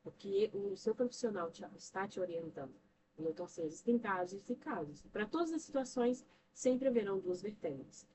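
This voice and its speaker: A Brazilian woman with a Brazilian Portuguese accent, a church member and counselor appearing as a podcast guest, speaks earnestly about faith and emotional health. Her mid-range voice is animated and at normal speed, emphatic and preacher-like, full of rhetorical questions. The mic is distant with faint noise.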